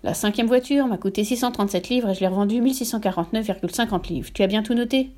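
A woman's voice: medium pitch, very fast, a little mellow, lightly acted. A woman voicing a smug, bullying middle-aged father in an audiobook, bragging and barking. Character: boastful, bullying middle-aged father, used-car dealer.

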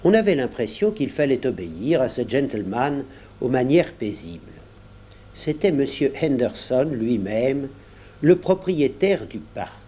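A man reading a storybook aloud in a measured, unhurried storytelling manner. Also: mid-range voice, big pitch swings, warm tone. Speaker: audiobook narrator.

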